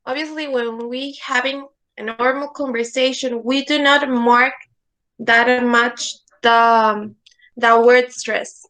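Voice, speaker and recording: A woman's voice: on the high side, fairly even intonation, slow, fairly bright tone, rough recording. A woman teaching an English lesson in an online class, patient and repetitive, checking in with "okay?" again and again. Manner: patient, repeats words and asks "okay?" often.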